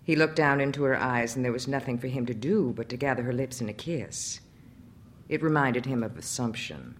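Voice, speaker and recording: A woman with a notably low voice reads a literary story aloud. Her narration is measured and expressive, paced for listening. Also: a little hiss or hum. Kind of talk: audiobook story reading.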